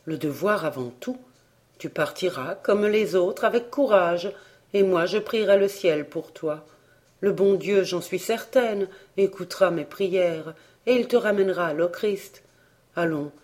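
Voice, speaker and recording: A reader doing a grave, soft-voiced old mother. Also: fairly low pitch, lightly acted. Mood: tender. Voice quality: soft, faint voice. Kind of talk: audiobook reading.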